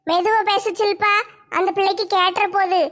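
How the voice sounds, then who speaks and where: A woman voicing a nosy middle-aged village woman, talking in a hushed way. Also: extremely high pitch, little pitch movement, normal speed, pitched below the performer's own voice.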